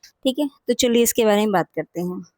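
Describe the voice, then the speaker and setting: A woman's voice: medium pitch, fairly quick, a little mellow, no room sound. A woman hosting an exam-prep lesson, explaining patiently and repeating key points with frequent "theek hai" checks. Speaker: teacher and channel host.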